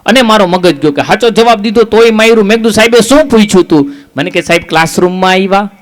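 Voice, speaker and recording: High-voiced male stand-up comic. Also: fast talker. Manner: storytelling jokes with quoted dialogue. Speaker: stand-up comedian. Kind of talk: live Gujarati stand-up jokes. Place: live stage show.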